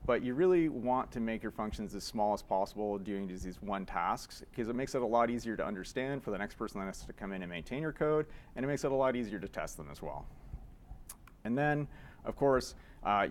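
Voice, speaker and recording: Canadian man giving a tech talk. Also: fairly low pitch. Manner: casual, many fillers. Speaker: conference speaker.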